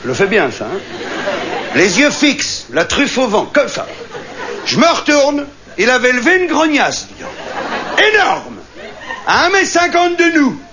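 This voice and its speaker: On stage, a man performs a comic monologue as a colloquial, chatty storyteller bragging about hunting and fishing, his voice sitting high. He's a stand-up comedian playing to a live crowd. The recording is dull, the audience loud, and laughter fills the background.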